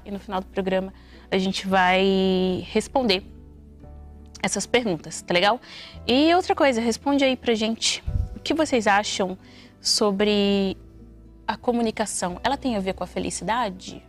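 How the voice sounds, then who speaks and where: A woman's voice: mid-range voice, moderate pace, soft background music. A woman with a Brazilian Portuguese accent co-hosting a talk show, chatting directly to the listeners. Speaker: radio co-host. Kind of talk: talk show, addressing the audience.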